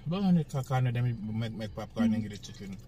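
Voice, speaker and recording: A man's voice: mid-range voice, animated, brisk, mellow, a little hiss or hum. A young Jamaican man teasing his companion in casual eating-show chat inside a parked car at night, laughing a lot. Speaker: co-host.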